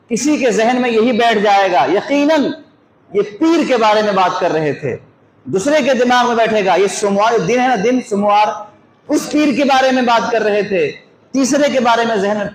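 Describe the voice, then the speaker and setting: A man, an Islamic scholar, giving a religious lesson, asking his listeners questions and walking them through examples. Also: sits high. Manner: questions the audience and gives worked examples. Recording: echoey room with faint noise.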